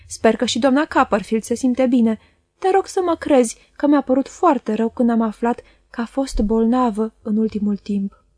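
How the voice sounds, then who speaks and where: Woman reading a slippery, falsely humble male clerk from a storybook, soft and ingratiating, mellow and dry, a touch higher than most women. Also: no room sound, close to an everyday voice.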